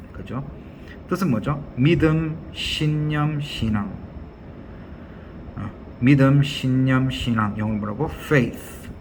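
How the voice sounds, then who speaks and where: Male teacher, slow patient vocab drill, faint background hiss. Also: medium pitch. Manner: slow, drawn-out word-by-word drilling with frequent checking questions. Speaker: English teacher.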